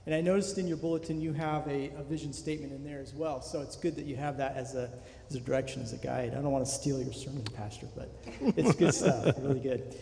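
A middle-aged man, a missionary pilot, giving an earnest, halting thank-you to a church congregation, speaking into a handheld mic in a large sanctuary. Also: medium pitch, steady tone, gravelly, warm tone. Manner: earnest, halting, repeats words. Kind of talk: church guest address. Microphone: handheld microphone. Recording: echoey church hall with faint noise.

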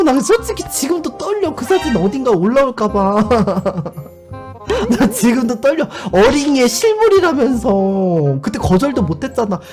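A male streamer chatting casually and telling a story. He talks in an animated way, laughs often, and acts out other people's lines. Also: extremely high pitch. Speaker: YouTube streamer. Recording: background music under the voice. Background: music.

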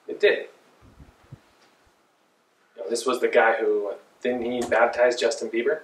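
A man's voice: medium pitch, a little slow. A man in his forties preaching a sermon from a pulpit in a small church, talking in a loose, conversational way. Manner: conversational, animated with hand gestures. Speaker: pastor. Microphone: far camera. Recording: roomy church echo, mic at a distance.

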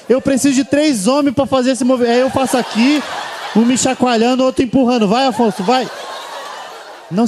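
A man with a high, bright voice tells a stand-up story on stage. He switches into little voices for each person he describes. A faint hum of the room sits behind him. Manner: animated, acts out voices of the people in his story. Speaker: stand-up comedian. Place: comedy venue with a laughing audience.

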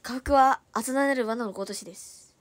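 High-voiced young woman chatting on a livestream. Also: no echo. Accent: Hiroshima dialect in places. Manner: chatty, quick-talking, reads viewer comments aloud and thanks them. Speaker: idol livestreamer reading comments. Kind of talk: casual livestream chat.

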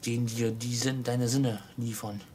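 Man reading as a grave chained ghost of an old miser, solemn, flat, slow, mournful, audiobook. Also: medium pitch, a little hiss or hum, close to an everyday voice.

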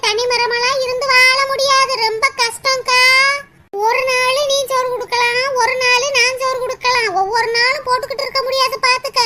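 Someone voicing shrill bossy cartoon village women. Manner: loud, bossy, teasing banter. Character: nosy, tactless village women neighbors. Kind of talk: cartoon comedy voice acting. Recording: loud background noise.

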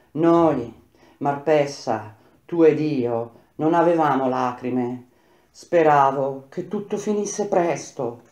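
A woman reading a novel aloud in a measured, grave manner with slow pauses. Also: low-pitched, warm tone. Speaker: reader. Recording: roomy echo.

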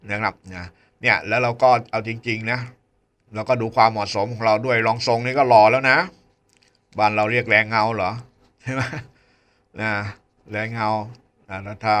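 A man's voice: fairly low pitch, bright, forceful tone. A man with a Northern Thai accent hosting a local radio news show, chatting casually and tacking polite particles onto nearly every phrase. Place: radio studio.

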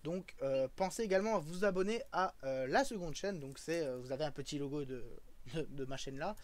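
A young man from France talks loosely on a live stream, drifting between thoughts with plenty of fillers and frequent laughter. He keeps greeting and answering his viewers as he goes. His voice sits a little higher than most men's. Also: fairly quick. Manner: chatty, rambling, laughs often, greets and answers chat.

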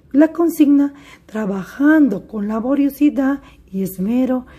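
Slow husky woman teaching a class. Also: fairly high pitch, warm tone. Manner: slow, deliberate, addresses pupils directly. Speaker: primary school teacher. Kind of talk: recorded remote class lesson.

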